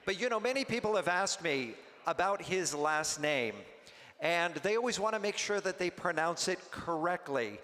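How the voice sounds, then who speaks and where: Male emcee, fairly high-pitched, easygoing and a bit halting; long hall reverb, faint noise. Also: animated, sharp tone. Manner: unhurried, chatty, a little halting. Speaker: event emcee. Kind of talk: event hosting announcements. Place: luncheon banquet hall.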